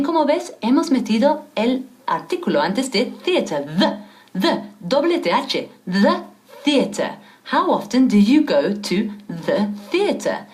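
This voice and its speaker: A woman's voice: on the high side, darkish tone. A woman teaching English to Spanish speakers, patient and encouraging, drilling pronunciation with exaggerated repetition. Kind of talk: language lesson for Spanish speakers.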